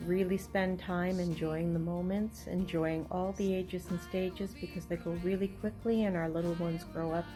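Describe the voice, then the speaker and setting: A woman with a slightly low voice gives warm, laughing advice to a new parent. Music plays clearly behind her. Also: steady tone, normal speed, few pauses. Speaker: relative giving well-wishes. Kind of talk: casual heartfelt message.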